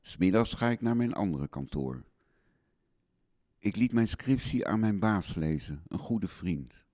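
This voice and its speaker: Young husband taping a letter to his wife: deep, slow, melancholy and loving. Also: lively intonation, darkish tone. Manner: tender, longing and melancholy. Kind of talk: spoken audio letter on tape.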